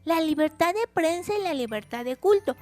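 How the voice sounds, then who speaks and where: A woman's voice: very high voice, lively intonation, moderate pace. A woman hosting a simple history lesson for children in a sing-song, chatty way, repeating words for emphasis. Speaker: educational video channel host.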